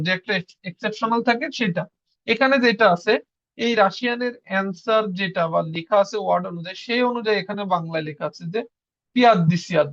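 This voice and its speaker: A patient language teacher, speaking over a video call. The teacher repeats each word slowly and prompts the class to echo it. The sound is muffled and dull, close and dry with no room echo. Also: mid-range voice, fairly bright tone. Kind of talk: online class lesson.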